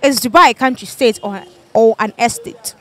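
High-voiced Ghanaian woman hosting street quiz. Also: normal speed. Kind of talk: street interview. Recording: loud music over the voice. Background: loud music.

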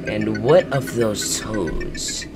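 A man voicing a cold, grand male origami king villain, speaking slowly and solemnly while game music plays clearly behind. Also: on the low side, animated. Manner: slow, solemn, commanding.

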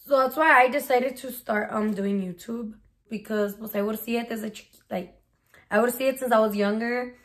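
In a small bedroom, a vlogger of twenty records a casual Q&A on her phone camera held at arm's length. Her voice is on the high side, steady in tone and moderate in pace, and she mixes slang with Spanish words.

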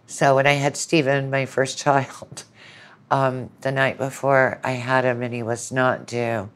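Speaking a little slowly with little pitch movement, this woman has a rumbling low voice. She's a middle-aged lecturer on as a guest, laying out her views conversationally with anecdotes and quoted asides. Opinionated and analytical, she quotes imagined speakers.

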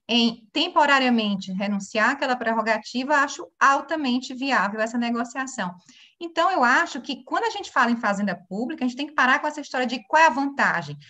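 A woman's voice: a little high, sharp tone. A woman speaking on a seminar panel, earnestly explaining her legal views. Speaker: panelist, public law attorney.

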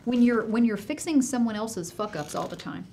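A woman's voice: on the high side, animated, normal speed, dark tone, slight background noise. Engaged woman therapist analyzing behavior. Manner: engaged, analytical, frequent affirmations. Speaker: mental health therapist. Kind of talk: casual podcast conversation.

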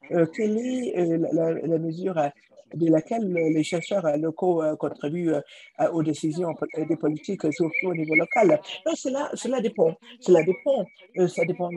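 A man giving simultaneous interpretation of a panel discussion, halting, with frequent restarts and repeated words. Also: fairly high pitch, warm tone, slightly rough, rough recording. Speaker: conference interpreter.

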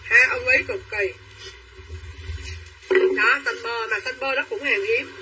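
A young woman hawks clothes to her livestream viewers. Her voice is high and very bright, and she keeps urging buyers to claim pieces. She sounds set back from the microphone, with faint background noise. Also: fairly even intonation, distant mic, rough recording. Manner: quick and pushy, urging buyers to claim items. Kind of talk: live-selling chatter to viewers.

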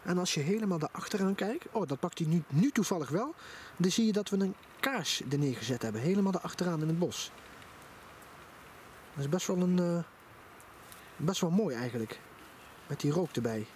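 A vlogger by a nighttime campfire in the woods talks with casual enthusiasm into his handheld camera. His voice sits high and is slightly mellow, with lively intonation, a moderate pace, and frequent pauses. The outdoor camera sound is noisy.

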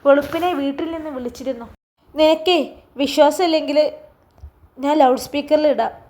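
A chatty, caring nurse who speaks brightly and eagerly. Her high voice rises and lifts with energy, as a woman reader plays her. She is a figure in a storybook reading. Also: lightly acted. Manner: brisk, coaxing, animated.

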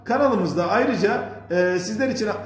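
A man's voice: sits high, moderate pace. A man hosting a diction lesson, speaking earnestly and piously and rambling with filler sounds. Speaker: diction course host. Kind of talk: casual instructional talk. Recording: echoey room with faint music.

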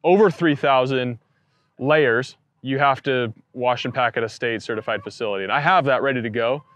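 A man's voice: mid-range voice, moderate pace. Guy in his 30s showing folks around his chicken farm, laid-back explaining, lapel mic outdoors. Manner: relaxed, matter-of-fact explaining. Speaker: pastured poultry farmer. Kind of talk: casual farm tour talk. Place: outdoors on a farm pasture beside a coop.

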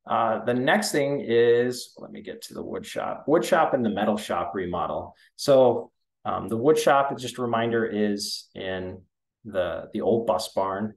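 A middle-aged school superintendent walks through a board meeting agenda over a screen share, explaining things informally with frequent ums and restarts. His lowish voice is creaky and a little slow, picked up by a computer webcam mic.

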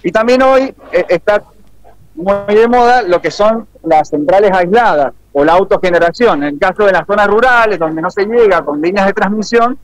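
A high-voiced man presenting an electrical display with a lot of hesitation. He pauses often while he searches for the right words. He is explaining it to visitors at an education fair. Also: poor audio.

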